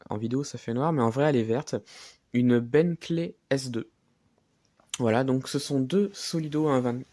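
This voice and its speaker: A man chats casually through a hobby vlog, halting often and restarting his sentences. His voice is mellow and mid-pitched. It sounds close to the mic and dry, with no room around it. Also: no echo. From France. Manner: hesitant, many fillers and restarts. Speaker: model car collector.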